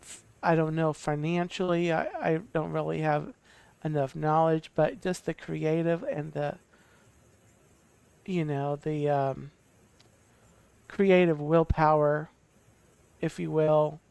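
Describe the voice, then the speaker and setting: A man's voice: a little high, fairly even intonation, slow, vocal fry, pauses often, a little mellow, smooth, no echo. A man chatting on a casual livestream, hesitant and full of fillers. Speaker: panelist on a livestream.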